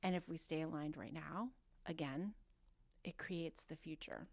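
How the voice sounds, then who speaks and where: A woman's voice: low-pitched, measured pace, no room sound. A woman in her forties, a health coach and author, speaking earnestly and with self-assurance as a podcast guest. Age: 40s. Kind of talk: casual podcast interview.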